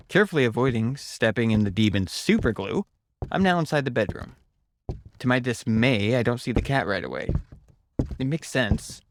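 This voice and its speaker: A man's voice: medium pitch, slight background noise. A man reading a scripted first-person horror story as its narrator. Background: music.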